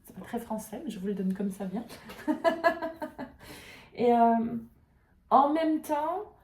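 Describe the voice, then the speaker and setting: A woman with a higher, mellow voice talks through an intuitive oracle card reading, often pausing to search for the right words. Her voice sits a little back from the mic in a roomy space with noticeable echo. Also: lively intonation, far from the mic. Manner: hesitant, searching for words with many fillers. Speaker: tarot and oracle card reader.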